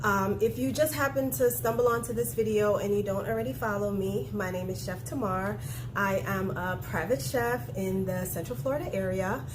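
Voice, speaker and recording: Sounding stuffy and nasal from a head cold, a private chef films herself on a handheld phone camera in her home kitchen, running through a cooking demo. She is relaxed and chatty, with lots of ums and asides, in a medium-pitched voice, while steady household noise is clearly audible behind her.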